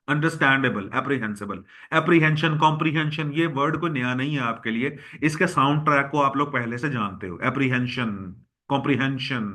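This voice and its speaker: Bright-voiced man teaching vocabulary. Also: mid-range voice. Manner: drills words by repeating them; addresses students as boys and girls. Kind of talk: recorded lecture.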